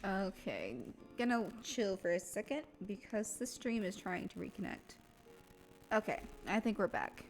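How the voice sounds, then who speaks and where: A woman game streamer making casual, low, mumbled asides to her audience. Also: big pitch swings, measured pace, faint music behind, poor audio. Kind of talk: casual live-stream chat.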